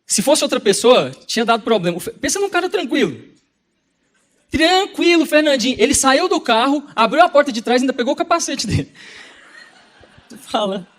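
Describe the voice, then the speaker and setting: A man with a Brazilian Portuguese accent preaching a sermon, telling a personal story in an animated way and acting out the dialogue. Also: very high-pitched, fairly quick. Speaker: pastor.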